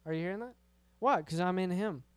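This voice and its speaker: Guy doing a youth sermon, high smooth voice, keeps saying right? and stumbling over words, dry close sound. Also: a little fast, dry recording. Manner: conversational, repeats words, frequent "right?" tag questions. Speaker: youth pastor.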